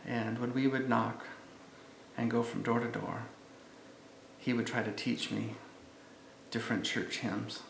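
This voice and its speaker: Slow, gravelly middle-aged father. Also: medium pitch, level tone, a little hiss or hum. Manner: slow, measured and plain-spoken. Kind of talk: personal testimony interview. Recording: roomy room sound.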